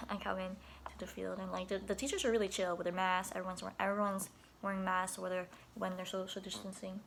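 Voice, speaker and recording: Giggly young woman with a gravelly voice. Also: mid-range voice, little pitch movement, fairly quick, fairly bright tone, slight background noise. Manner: chatty and giggly, many restarts and laughs. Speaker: after-school care worker. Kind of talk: casual video diary.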